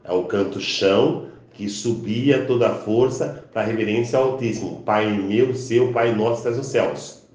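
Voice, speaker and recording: A man teaching a spiritual class, reciting prayers and drawn-out chants to a camera. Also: fairly low pitch, a little mellow. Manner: slow, intoning, drawn-out chanting delivery. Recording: very echoey room.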